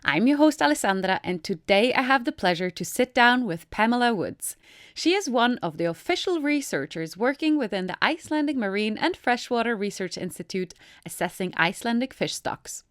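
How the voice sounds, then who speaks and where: A woman's voice: on the high side, very animated, moderate pace, no room sound, studio quality. A woman hosting a podcast, chatting playfully and joking with her guest. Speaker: podcast host. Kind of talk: casual interview chat.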